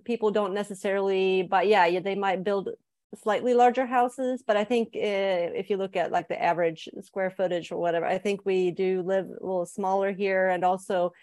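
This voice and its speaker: A woman's voice: mid-range voice, steady tone, brisk, a little mellow, no echo. A woman from Sweden, an author, explaining her ideas thoughtfully as a guest on a podcast interview.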